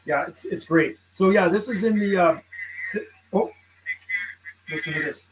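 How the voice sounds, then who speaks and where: A high-voiced man speaks unhurriedly on a live stream, making radio calls and chatting in a relaxed, friendly way that leans on words like "man" and "buddy." He is in the radio room of his house, and the background is noisy.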